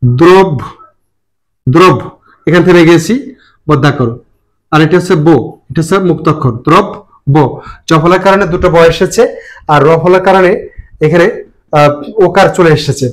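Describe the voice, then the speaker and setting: A man teaching pronunciation, spelling out words slowly and deliberately, syllable by syllable. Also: high-pitched, low-quality recording. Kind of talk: classroom lesson.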